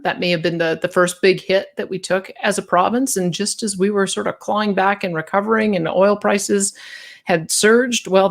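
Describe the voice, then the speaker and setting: Canadian woman answering on a video call. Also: lowish voice. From Calgary, Canada. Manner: earnest, repeats words as she thinks. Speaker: guest, policy paper author. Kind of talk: conversational interview answers.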